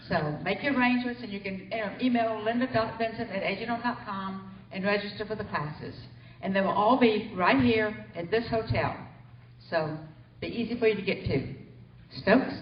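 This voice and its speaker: A woman's voice: mid-range voice, moderate pace, slight background noise. Chatty woman doing announcements at a company meeting, far off mic, echoey dull room sound. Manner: chatty, informal. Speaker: training coordinator. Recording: distant, roomy, dull hall recording.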